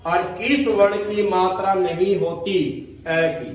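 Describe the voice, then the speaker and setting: Male teacher, high pitch, drills the class with repeated questions; booming room echo. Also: steady tone, slow, dull audio. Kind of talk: classroom grammar lesson. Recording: echoey classroom, from far off.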